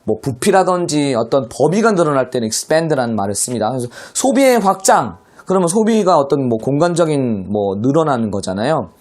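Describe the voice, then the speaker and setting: A man's voice: mid-range voice, very animated, moderate pace, few pauses, a little mellow. A man teaching English vocabulary to middle school students in an online class, speaking with a Korean accent and often addressing his students directly.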